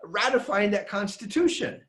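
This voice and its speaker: A man giving an emphatic, animated lecture that he reads from a handout, with frequent restarts. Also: high voice, moderate pace. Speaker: teacher.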